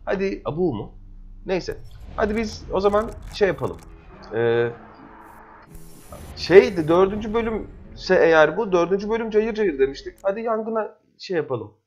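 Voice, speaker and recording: A man's voice: sits high, animated, normal speed, muffled recording. A man hosting a gaming channel, giving rambling, self-joking commentary while he plays. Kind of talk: casual let's-play commentary. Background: game audio and music.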